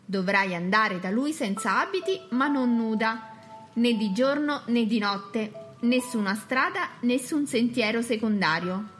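Woman doing jolly teasing country parents, animated and high, storybook role. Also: measured pace, soft background music. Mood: jovial. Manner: jovial, teasing. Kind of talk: audiobook character voice.

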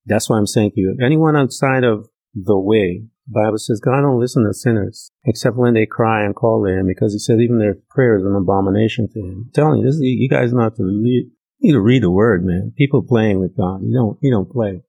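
A man's voice: fairly low pitch, fairly quick, vocal fry, dark tone, slightly rough, dry recording, poor audio. A man preaching a sermon in an emphatic, conversational way, with sudden rising bursts.

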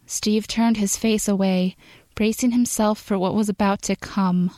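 A woman's voice: mid-range voice, fairly even intonation, a little slow, dark tone, no echo. Woman reading a story aloud. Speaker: podfic reader. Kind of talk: scripted narration.

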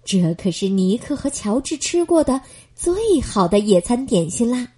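Woman storyteller, bedtime story, high voice, slow, animated. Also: breathy edge. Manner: slow, gentle and expressive. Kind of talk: children's bedtime story reading.

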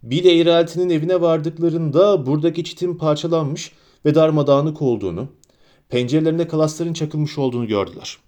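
A man narrating a fantasy novel at an unhurried, deliberate pace. His voice sits somewhat high for a man and carries the scene steadily from line to line. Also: warm tone. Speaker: audiobook reader. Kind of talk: scripted narration.

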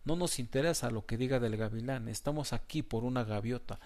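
A man voicing a quiet, precise male cat assistant who curtly corrects the others. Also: medium pitch, fairly quick, lightly acted. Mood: dry.

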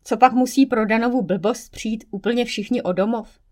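A woman's voice: on the high side, a little mellow, pitched above the performer's own voice, close to an everyday voice. A woman voicing a chummy male fire spirit. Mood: pleading. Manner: pleading, chummy.

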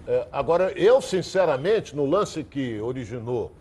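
A man's voice: medium pitch, expressive, measured pace, dark tone, slightly rough. A man with a Brazilian accent in a casual football debate as a TV panel commentator, insistent and repeating short phrases.

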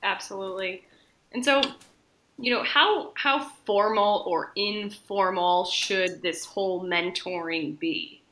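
A woman interviewer asking a question in a slow, measured way. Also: medium pitch, bright, forceful tone, a little hiss or hum.

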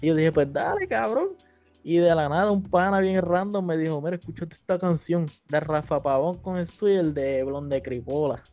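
Slangy Puerto Rican man with a dark voice. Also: on the high side, steady tone, normal speed, hardly any pauses, soft background music. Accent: Puerto Rican Spanish. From Puerto Rico. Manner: slangy, mixes English words in, acts out quotes. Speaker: podcast guest, platform founder. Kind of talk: casual interview chat.

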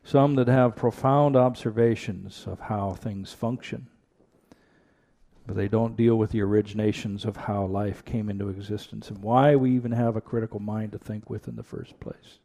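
Gravelly man preaching at a pulpit microphone. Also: lowish voice, steady tone, normal speed, dark tone. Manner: earnest preaching with repeated rhetorical questions. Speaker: pastor. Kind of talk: sermon with prayer and scripture reading. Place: church.

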